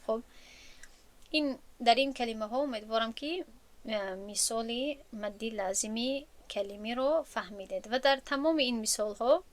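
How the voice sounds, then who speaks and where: A woman's voice: a little high, pauses often. A woman teaching a recorded lesson on recitation rules, patient and explanatory and often restating her points.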